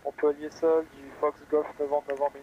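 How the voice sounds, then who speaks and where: Male pilot, slightly high voice, speaking over an aviation headset in a noisy small-plane cockpit. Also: little pitch movement, moderate pace, phone-quality sound. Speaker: pilot on board handling radio calls and coaching. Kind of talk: casual cockpit chat and radio calls. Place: small light aircraft cockpit in flight. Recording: cockpit headset audio with loud engine noise.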